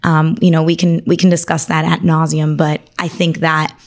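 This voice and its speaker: Woman, from Argentina, interview guest, lawyer, articulate, enthusiastic, slightly low pitch. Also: flat delivery. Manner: articulate, enthusiastic, lists things quickly. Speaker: attorney, podcast guest. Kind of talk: conversational interview.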